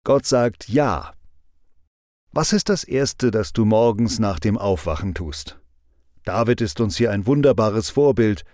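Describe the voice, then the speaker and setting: A man giving a calm devotional sermon with a measured, instructive delivery. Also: lowish voice, no echo, clean studio sound. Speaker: preacher.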